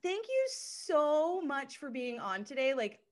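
A woman's voice: high-pitched, big pitch swings. Gushing, enthusiastic woman host. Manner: gushing and enthusiastic, fast bursts, many "like"s. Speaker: podcast host. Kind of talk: casual interview.

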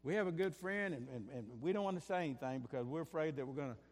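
Impassioned preacher in a church hall. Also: male voice, on the high side, quick pace. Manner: impassioned, rising and falling in bursts, repeats phrases. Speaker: pastor. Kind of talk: sermon. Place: church sanctuary.

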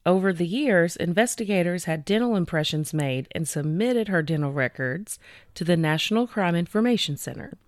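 A woman's voice: lowish voice, lively intonation, no room sound, studio quality. A woman co-hosting a true-crime podcast, talking through cases in a casual, chatty way. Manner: conversational, chatty with fillers, reads details slowly. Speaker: podcast co-host presenting cases.

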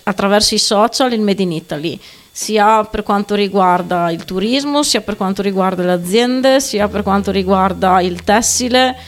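A woman co-hosting a radio show in casual chat, with an amused, teasing way of talking. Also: mid-range voice.

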